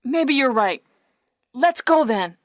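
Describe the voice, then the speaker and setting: An actress playing a young female special-forces soldier in a 1990s video game, delivering her lines flatly and stiffly. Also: high voice, slow, no room sound, studio quality. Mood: brisk. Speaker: game character. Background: music.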